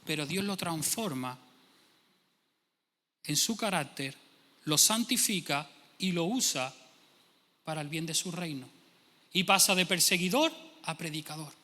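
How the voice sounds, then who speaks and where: A man's voice: fairly high pitch, a little slow, long pauses, pushed and bright. A male pastor, preaching a sermon emphatically and acting out imagined speakers. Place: church hall. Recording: long church hall reverb.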